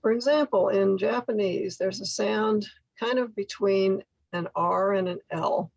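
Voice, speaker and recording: An older woman teaching in a slide presentation, speaking slowly and enunciating carefully as she models speech sounds step by step. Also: mid-range voice, vocal fry, a little mellow, dry recording, highs cut off. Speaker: workshop instructor for literacy tutors. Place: indoor room at home, video call.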